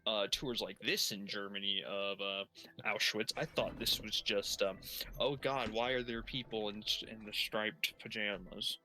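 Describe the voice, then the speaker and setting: Over soft background music, a man spins a long, improvised comedic tale in the first person on a gaming stream, his lowish voice pushed and bright with fairly even intonation at a measured pace. Heavy swearing runs throughout, and he keeps rambling and restarting sentences.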